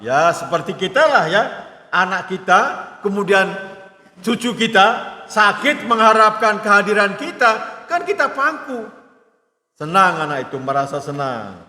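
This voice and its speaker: Man, Islamic study lecture, high voice, reads Arabic then explains, long hall reverb. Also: lively intonation, measured pace, sharp tone. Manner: explains Arabic hadith phrase by phrase with frequent "ya kan" asides. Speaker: Islamic teacher. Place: mosque hall.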